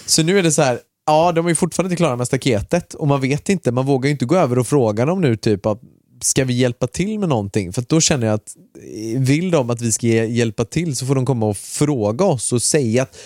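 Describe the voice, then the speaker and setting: A man's voice: mid-range voice, few pauses, no echo. Chatty man with a dry, close sound. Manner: relaxed and chatty, with frequent filler words and mild swearing. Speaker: podcast co-host. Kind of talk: casual chat, telling an anecdote.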